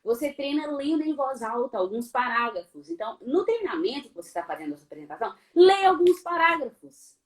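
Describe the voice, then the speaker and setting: A woman's voice: on the high side, big pitch swings, fast talker, few pauses. A middle-aged woman with a Brazilian Portuguese accent, a law professor giving advice in a live online talk, posing rhetorical questions and playfully imitating sounds.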